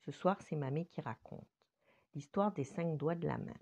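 An older woman, a grandmother, narrating a children's bedtime story in a gentle, expressive way. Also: deep voice, normal speed.

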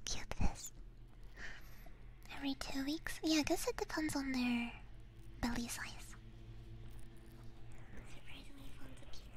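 An ASMR live streamer, a woman with a high-sitting voice, chats casually with her viewers in a gentle, breathy, mostly unvoiced whisper. She's close on a binaural ASMR microphone, with faint background noise and soft clicks.

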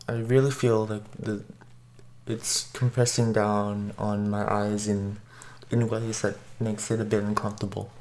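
Guy talking thru a silicone face mask, slow and kinda monotone, lots of ums. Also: lowish voice, a little hiss or hum. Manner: hesitant, many ums and restarts. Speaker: mask reviewer. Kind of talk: casual product review.

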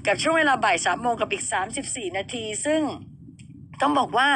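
Bright-voiced woman radio host, chatty, keeps asking listeners questions, faint background noise. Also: on the high side, lively intonation, brisk. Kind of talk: casual radio chat.

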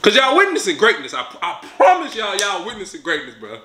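A man's voice: sits high, huge pitch swings, fairly quick, pushed and bright, reverberant. A young man hosting a casual vlog from a living room sofa, laid-back but hyping up his viewers. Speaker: vlog host.

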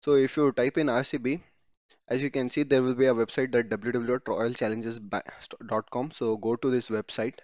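A YouTube tutorial host narrates a screen recording in a brisk, conversational way, often repeating words and correcting himself partway through them. His medium-pitched, darkish voice stays fairly even, recorded dry and slightly dull at home with no echo.

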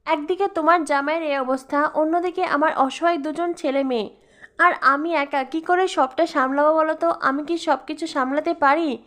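A woman's voice: sits high, fairly even intonation, normal speed, fairly bright tone. A woman reading the lines of a frightened, tearful young wife in a retold serial. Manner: distraught pleading.

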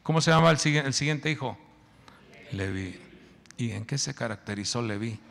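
A male pastor preaching a sermon, animated and quizzing the congregation. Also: medium pitch, normal speed, gravelly, long reverb tail.

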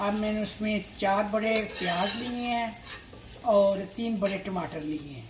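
Very noisy audio captures a medium-pitched, slightly slow female voice. She's a home cook and cooking show host in her sixties with a Pakistani accent, narrating unscripted steps at the stove and often repeating herself, amid echo, loud sizzle, stirring, and clattering pots and dishes.

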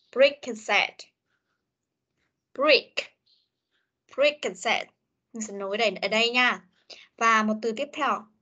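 A woman teacher whose first language is Vietnamese, leading an online English pronunciation drill over a video call and repeating words slowly. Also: fairly high pitch, bright, forceful tone.

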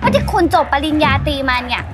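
High-voiced, wronged young labourer. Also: female voice, big pitch swings, fast. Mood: indignant, defiant. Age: young adult. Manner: earnest, protesting. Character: wronged, insistent young female migrant construction labourer. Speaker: actor in short drama. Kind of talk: acted melodrama dialogue. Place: outdoors at a building site. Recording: music under the voice.

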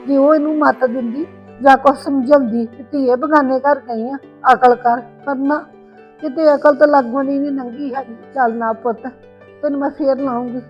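A woman's voice: high-pitched, fairly even intonation, normal speed, close to an everyday voice. A woman playing a middle-aged Punjabi aunty, an aggrieved, plaintive mother-in-law in an amateur family drama. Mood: aggrieved complaining. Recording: dull lo-fi sound with background music.

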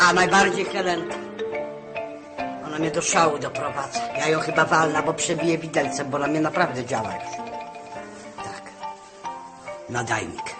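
A woman ranting and swearing constantly in a confessional-style talk. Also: low-pitched. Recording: music playing underneath.

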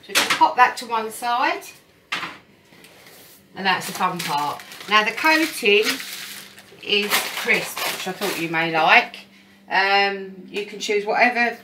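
A woman's voice: medium pitch, noisy background. A middle-aged woman, a support worker giving a friendly home cooking demonstration and encouraging her viewers. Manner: chatty, encouraging, talks to viewers as "guys". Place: home kitchen, indoors. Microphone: phone camera on the counter. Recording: home phone recording with kitchen clatter.

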